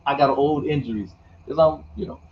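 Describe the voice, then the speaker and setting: A man's voice: fairly high pitch, measured pace. An older man in casual conversation, easygoing and telling stories with frequent laughs. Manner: easygoing, storytelling, laughs often. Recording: dull lo-fi sound with faint background noise.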